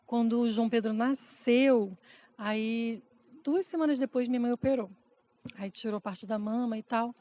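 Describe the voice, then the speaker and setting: A woman co-hosting a casual podcast chat, telling family stories in a lively, animated way. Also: a little high, moderate pace. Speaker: podcast co-host.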